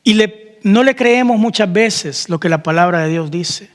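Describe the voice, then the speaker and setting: A man's voice: high voice, a little slow, long reverb tail. A man preaching a sermon as pastor, asking the congregation questions and calling out amen. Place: church hall.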